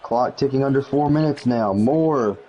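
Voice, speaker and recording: A man calling play-by-play for a video game league, quick and jokey, rising to shouts on big plays. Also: medium pitch, highs cut off, a little hiss or hum. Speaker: play-by-play commentator.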